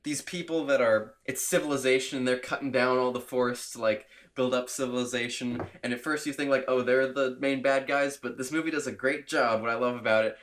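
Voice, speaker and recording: A young man chats on a casual movie podcast at an ordinary, middle pitch. He rambles with enthusiasm, backtracks often and slips in frequent laughs. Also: steady tone, fairly quick, hardly any pauses, fairly bright tone. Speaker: podcast co-host.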